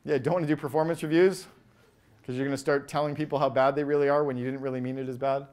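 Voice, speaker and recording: On a stage before a live audience, a Canadian man delivers an energetic business keynote with a smooth, mid-range voice. He's animated, peppers the crowd with quick questions, rattles off lists, and acts out quoted voices.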